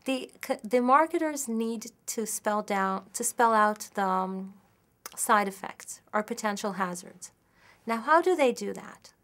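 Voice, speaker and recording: Measured woman explaining as an expert. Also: a little high, lively intonation, a bit bright. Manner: measured and explanatory, builds points with examples; occasional restarts and self-corrections. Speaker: marketing lecturer.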